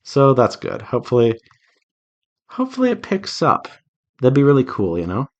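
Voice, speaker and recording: Hosting a draw-along devlog, a visual novel developer chats casually to viewers as he draws, rambling and reassuring himself while he thinks aloud. His mid-range voice swoops wildly in pitch at a normal speed.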